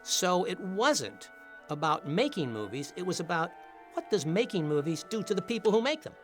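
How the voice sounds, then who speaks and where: A man's voice: high voice, big pitch swings, moderate pace, faint music behind. An older man, a former police officer turned author, reminiscing in a conversational, reflective way about a classic film. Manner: warm-hearted, reminiscing, conversational. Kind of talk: reflective interview commentary.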